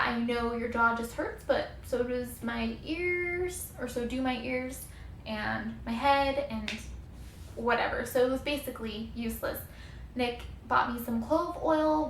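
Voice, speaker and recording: Higher-voiced woman in an echoey room. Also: a bit bright. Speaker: vlogger telling a recovery story. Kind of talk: casual personal storytelling to camera. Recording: echoey room with faint background noise.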